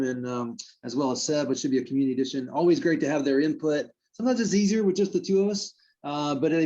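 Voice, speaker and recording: A man with a Southern drawl hosts a casual tech podcast, talking fast and easily. His tone is chatty and a little self-deprecating. The audio is a bit dull and lo-fi. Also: on the high side, darkish tone. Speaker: podcast host.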